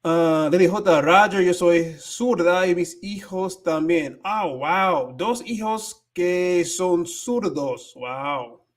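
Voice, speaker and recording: Reading viewer comments in a casual stream, a man from the United States who teaches Spanish speaks slowly with a slightly high voice. His speech switches between the two languages, and he stumbles while searching for words.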